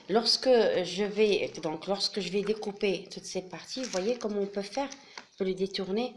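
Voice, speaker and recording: A woman explaining a classroom craft step by step, patient and methodical, with frequent pauses and fillers. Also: mid-range voice, a little mellow, a little hiss or hum. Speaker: teacher.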